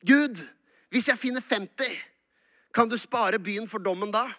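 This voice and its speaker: A man's voice: high voice, pushed and bright, pitched above the performer's own voice. A man voicing the biblical Abraham as an old patriarch pleading and bargaining with God, read out in a sermon. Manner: pleading, haggling.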